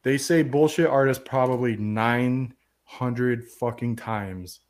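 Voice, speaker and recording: A man's voice: medium pitch, slow. A man hosting a casual movie podcast, retelling the plot in a loose, profane, rambling way and quoting the characters. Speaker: podcast host.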